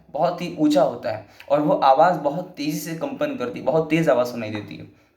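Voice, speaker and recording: A man's voice: on the high side, reverberant. A man teaching a Sanskrit lesson, patiently explaining and restating each point several times.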